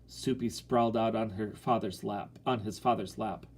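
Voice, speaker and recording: A man narrating an audiobook in an even storytelling manner. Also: fairly low pitch, moderate pace.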